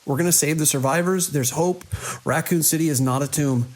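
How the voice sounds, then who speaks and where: In this horror audio drama, a male actor with a slightly high voice gives a lightly acted turn as a worn-down but idealistic hospital director. His delivery comes in urgent, earnest, broken phrases, carrying a sense of desperate hope.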